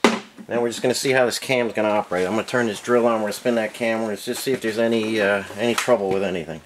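A man's voice: on the low side, fairly even intonation, fast, background noise. A man casually explaining engine work in a home garage, matter-of-fact with many fillers, heard from an off-screen camera mic. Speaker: engine builder. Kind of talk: casual workshop demonstration.

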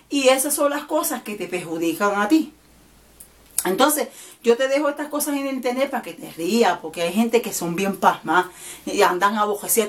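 A woman preacher with a slightly high voice, chatting in a loose, joking way. She tells humorous anecdotes and acts out the characters in them. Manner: jokey, tells funny anecdotes, often asks "¿verdad?", acts out voices. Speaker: evangelist. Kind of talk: casual storytelling monologue.

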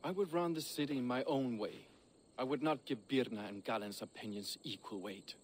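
A blunt, proud Viking shipbuilder, as a man acts him out, speaks in a gruff, plain-spoken way. His game dialogue sits at an ordinary male pitch. A faint hiss runs under it. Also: normal speed, natural voice. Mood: candid. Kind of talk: video game voice acting.

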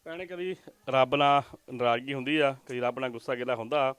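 A man's voice: mid-range voice, brisk, fairly bright tone, clear, resonant tone, no echo. A man with a Majhi Punjabi accent reporting from a village, interviewing a poor family and earnestly pleading with viewers. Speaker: news reporter. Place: village outdoors.

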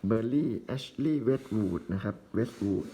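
A man with a fairly low voice opens trading card packs on camera. He calls out each player's name in quick, short bursts and drops easygoing, chatty asides in between, like a relaxed hobby commentator. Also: slight background noise. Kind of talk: casual commentary while opening card packs.

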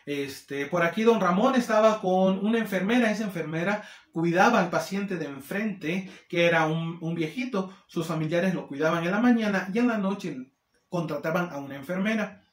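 A man with a Mexican accent telling a casual storytime, animated and acting out the people he quotes. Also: high voice, moderate pace. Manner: animated, acts out quoted people in shifting voices. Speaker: vlogger. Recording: roomy echo.

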